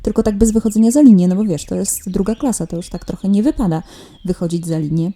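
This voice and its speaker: A woman primary school teacher walking children through workbook exercises in a recorded remote lesson, patient and gently teasing. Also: medium pitch, quick pace. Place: at home.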